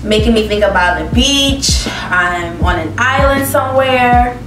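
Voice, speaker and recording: A young beauty vlogger casually reviews perfumes on camera in an indoor living room with plants, reading descriptions aloud expressively and reacting with laughs. Her voice is fairly high and measured in pace. She is recorded from a distance with the mic set back, giving roomy echo, and music plays behind her.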